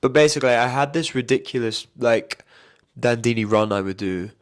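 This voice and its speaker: A man with a soft-edged, mild Scottish accent chats informally in a medium pitch. He tells stories in a loose, animated way, wandering through asides and filler words like a performer among friends. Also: moderate pace. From Scotland. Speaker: musical theatre and panto performer, guest. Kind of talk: casual chat, anecdote telling.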